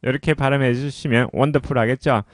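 A man teaching English pronunciation, explaining patiently and often pausing with "자" between points. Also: mid-range voice, fairly even intonation, no echo, studio quality.

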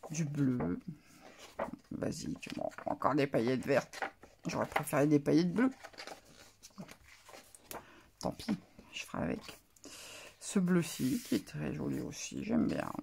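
A woman's voice: low voice, sing-song, a little slow, vocal fry, long pauses, noisy background. A woman vlogger casually showing off a craft haul, talking in a hesitant, musing way with many fillers. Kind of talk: casual show-and-tell haul.

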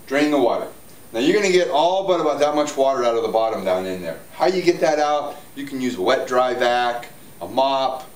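Walking and gesturing through a big indoor spa showroom, a hot tub store owner in his forties runs a chatty, upbeat how-to demo. He speaks fairly quickly and expressively at a medium pitch. A tripod-mounted camera some distance away records the roomy audio.

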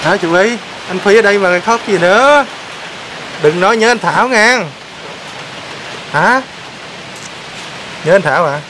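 A man's voice: high voice, lively intonation, unhurried, pauses often, noisy background. A man hosting a vlog, teasing and prodding someone with repeated questions. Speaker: vlog host. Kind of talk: teasing casual chat on camera.

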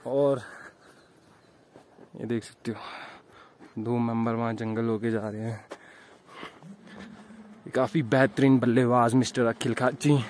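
Young man, casual vlog host, medium pitch, outdoors, camera at arm's length, faint background noise. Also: steady tone, takes it slowly, long pauses, darkish tone. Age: young adult. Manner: chatty, showing viewers around on foot. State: tired and winded from climbing. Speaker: vlogger. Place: outdoors on a forested mountain trail. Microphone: handheld camera at arm's length.

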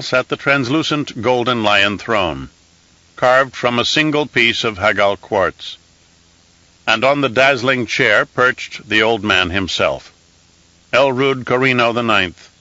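A man narrating an audiobook in a steady, measured storytelling manner. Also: lowish voice, dry recording, muffled recording. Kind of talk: scripted narration.

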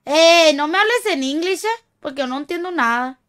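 A woman's voice: high-pitched, lively intonation, moderate pace, a bit bright. A woman with a Mexican accent streaming a shooter game, chatting casually with playful, teasing, boastful banter. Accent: Mexican Spanish. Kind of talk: casual gaming stream chat.

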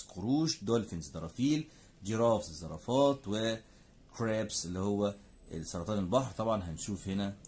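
A man's voice: on the low side, a little mellow. A man with an Egyptian Arabic accent teaching an English grammar lesson, saying each word in English and then in Arabic and asking and answering his own questions. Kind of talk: classroom lesson explaining grammar.

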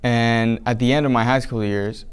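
Young Brazilian-accented man, hesitant documentary interviewee, smooth clear voice, mid pitch. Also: steady tone, normal speed. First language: Portuguese. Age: young adult. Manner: hesitant, many restarts and fillers. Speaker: documentary subject. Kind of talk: interview answers. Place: small indoor room with flag backdrop.

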